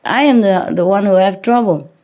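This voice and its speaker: Speaking at normal speed in a mellow, medium-pitched voice, a woman spiritual teacher rambles through anecdotes with an audience. Her manner is chatty and teasing, and she chuckles often as she banters.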